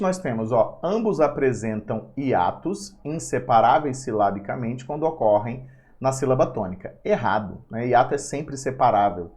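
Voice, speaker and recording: A man teaching an exam-prep grammar lesson, playful and chatty, often talking to himself. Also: mid-range voice. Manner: lively, playful, talks to himself.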